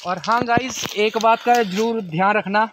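Filmed on a phone held by a companion, a young man camping at night in the forest strolls along explaining advice to his viewers in a relaxed vlog. He speaks a little slowly in a high voice with fairly even intonation, and the background is noisy.

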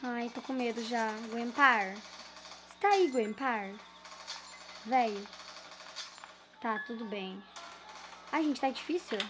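High-pitched nervous Brazilian woman gamer. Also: slow, pauses often, music in the background. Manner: nervous, addresses viewers. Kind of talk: casual horror game commentary.

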